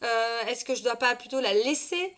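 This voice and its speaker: A woman in her thirties with a fairly high voice tells a personal story to camera. She talks with feeling and hesitates often, filling gaps and restarting her sentences as she goes. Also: expressive, moderate pace, fairly bright tone. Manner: emotional, hesitant storytelling with many fillers and restarts. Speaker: parenting consultant.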